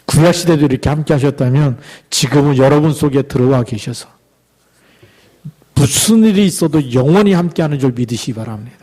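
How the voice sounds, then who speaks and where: A middle-aged male pastor delivering a sermon, exhorting the congregation with rhetorical questions and reading scripture aloud slowly for emphasis. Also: medium pitch, warm tone.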